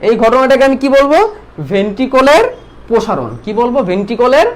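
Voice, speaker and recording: A man's voice: very high voice, a little fast. A man teaching biology in an online class, asking students the same question again and again before answering it himself.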